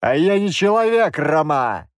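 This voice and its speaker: A man's voice: medium pitch, expressive, a little slow, dry recording, clean studio sound, natural voice. A man doing a snarling nonhuman hero. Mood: furious. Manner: shouting, snarling. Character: irritable nonhuman male hero with six arms.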